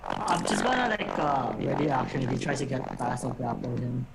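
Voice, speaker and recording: A man's voice: medium pitch, huge pitch swings, fairly quick, gravelly. A man speaking in character in a tabletop game, his grim voice muffled by a mask and robotic-sounding. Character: grim masked adventurer with a distorted robotic-sounding voice. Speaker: player in a tabletop role-playing game. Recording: noisy room, voice muffled by mask.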